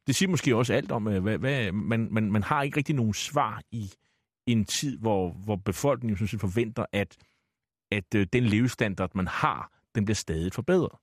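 A male radio host who talks in a halting way, full of fillers and restarts. He also introduces the station and the guest. The sound is dry and close to the mic. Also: lowish voice, dry recording. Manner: hesitant, with many fillers. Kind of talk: radio talk and station announcement. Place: radio studio.

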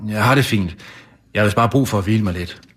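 A shaken old Santa Claus in a storybook horror tale, halting and low, with a husky voice, read by a man. He whispers in disbelief and sounds weary and unsettled. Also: a bit bright.

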